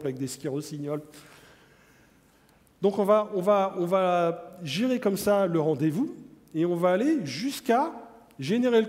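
A man in his forties giving a keynote product demo on stage, talking straight to the audience with many fillers. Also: fairly high pitch. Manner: animated, addresses the audience directly, many fillers. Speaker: keynote presenter. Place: large conference hall on stage. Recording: long hall reverb.

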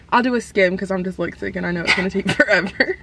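A woman's voice: mid-range voice, brisk, creaky, fairly bright tone, slight background noise. A woman in her twenties chatting casually, laughing often and using plenty of slang. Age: 20s. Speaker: vlog guest. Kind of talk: casual chat.

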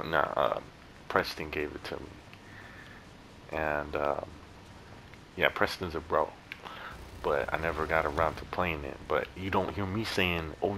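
Deep-voiced young male gamer, rambling. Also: noisy background. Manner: rambling, joking, yelps and laughs at the game. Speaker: gameplay YouTuber. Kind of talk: casual gameplay commentary.

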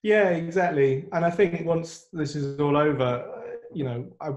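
A man's voice: fairly high pitch, normal speed, crowd noise. Thirties male guest, laid-back video-call chat, home laptop mic. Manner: relaxed, easygoing. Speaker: guest composer. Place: room at home.

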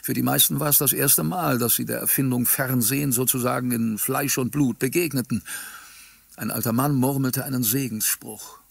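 Gravelly, husky male storyteller. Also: medium pitch, steady tone, moderate pace, no echo. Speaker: audiobook narrator. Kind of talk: scripted narration of a humorous story.

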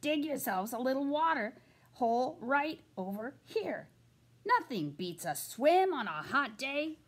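A woman voicing a confident, know-it-all male duck in a storybook reading, hearty and loud. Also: high voice, very animated, unhurried, full character voice.

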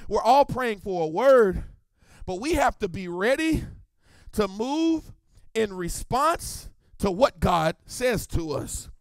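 High-voiced preaching pastor, dry sound. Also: male voice, expressive, dry recording. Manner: preaching with sung, drawn-out emphasis on key phrases. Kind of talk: sermon.

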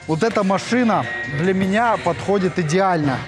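A man's voice: sits high, normal speed. A man in his thirties giving an enthusiastic, chatty walking tour of a large indoor gym, with frequent hesitant fillers as he shows the equipment. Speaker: fitness vlogger. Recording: music playing under the voice. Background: background music.

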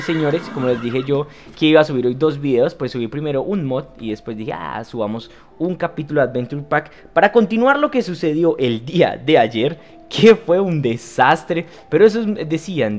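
A young man giving lively, exclamatory commentary while playing a video game, talking straight to his viewers. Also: mid-range voice. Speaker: gaming youtuber. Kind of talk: casual let's play commentary.

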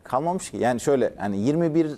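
Fast-talking man with a warm, dark tone. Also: medium pitch, lively intonation. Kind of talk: studio panel discussion.

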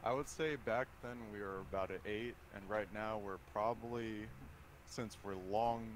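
A young man streaming on a headset, talking in a halting, measured way through a tense conversation. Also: on the low side, fairly even intonation. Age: young adult. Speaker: livestreamer. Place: small plain indoor room. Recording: faint background noise.

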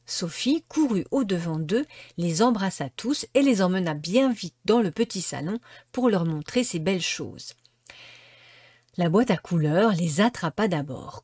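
A woman reading a classic storybook aloud with expressive, lively narration. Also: on the low side, normal speed, slightly rough, no room sound, clean studio sound. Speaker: storybook reader.

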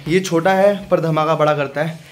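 Holding his phone at arm's length, a young Indian-accented man chats in a relaxed vlog style, mixing in English words while on the go through his car, garage, home and gym. His pitch is on the high side, his intonation fairly even and his pace moderate, with slight hiss or hum in the audio.

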